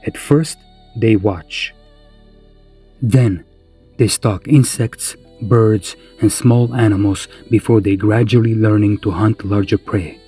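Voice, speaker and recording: Husky, dark-voiced male documentary narrator. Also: on the low side. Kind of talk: scripted wildlife documentary narration.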